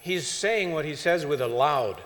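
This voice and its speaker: A man's voice: a little high, lively intonation, fairly bright tone. A man preaching a sermon in short phrases, stopping for an interpreter and asking the listeners questions. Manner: pauses for the interpreter, asks the audience questions. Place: church hall. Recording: echoey hall.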